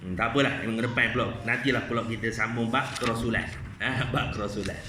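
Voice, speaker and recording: A man's voice: mid-range voice, quick pace, background noise. A man giving an evening lecture in a mosque, chatty and conversational, often checking in with rhetorical questions. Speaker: religious lecturer. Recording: echoey mosque hall.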